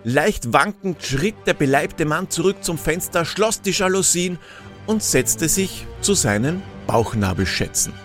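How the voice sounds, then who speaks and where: Expressive male storyteller. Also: on the high side, a little slow, soft background music. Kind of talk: comic storytelling narration.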